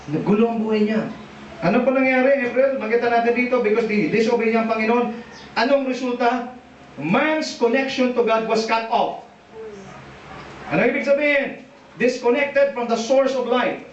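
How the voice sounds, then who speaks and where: A man with a Filipino accent preaching a sermon, animated and asking the congregation questions. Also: very high voice, a little hiss or hum. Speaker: pastor. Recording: echoey church, distant dull mic.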